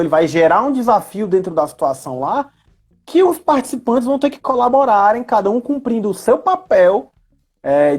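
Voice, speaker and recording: A guest educator on a live chat talks in a high-pitched, slightly rough voice with a darkish tone. With his Ceará accent from Northeastern Brazil, he explains things in an easygoing, conversational manner and frequently checks in using tag questions.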